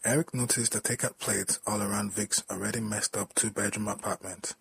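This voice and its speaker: A man reading a story aloud in a plain, steady storytelling manner. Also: fairly low pitch, a little fast, vocal fry, slight background noise, low-quality recording. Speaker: story narrator.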